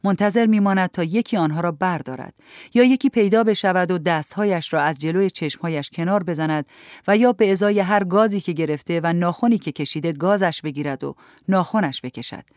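A narrator reading a literary story aloud in a measured, even storytelling manner. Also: medium pitch, dry recording, studio quality. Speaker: audiobook narrator.

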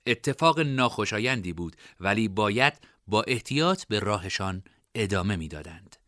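A man narrating a scripted storybook in an expressive reading style. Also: lowish voice, no room sound, clean studio sound.

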